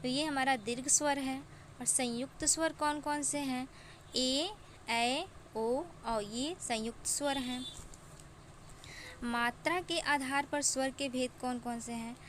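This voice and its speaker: A woman teaching an exam-prep grammar lesson, defining terms and drawing out each example slowly and deliberately. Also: sits high, fairly even intonation, fairly bright tone, a little hiss or hum.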